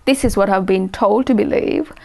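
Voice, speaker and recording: A woman in her forties from Sri Lanka, a guest in an interview, speaking thoughtfully with many pauses and restarts. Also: mid-range voice, creaky, darkish tone. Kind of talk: interview conversation.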